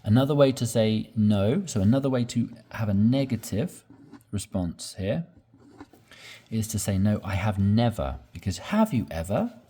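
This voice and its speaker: A man teaching English, slowly explaining sentence patterns and repeating examples with patience. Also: lowish voice, big pitch swings, mellow, a little hiss or hum. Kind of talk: slow explanatory lesson.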